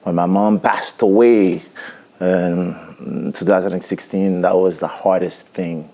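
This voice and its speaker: This is a Haitian-accented man in his forties with a deep, low voice, sitting as a musician guest in a television studio. He speaks English slowly and reflectively, often stopping to restart a thought partway through. He is picked up close and clean on a lapel mic. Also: fairly even intonation, vocal fry, dark tone. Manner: halting, reflective, many restarts. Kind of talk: interview. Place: TV studio set.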